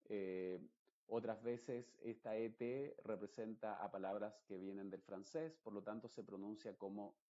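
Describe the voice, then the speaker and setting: A man, teaching English pronunciation in an explanatory lesson and repeating example words slowly and carefully. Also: medium pitch, mellow. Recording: dull lo-fi recording.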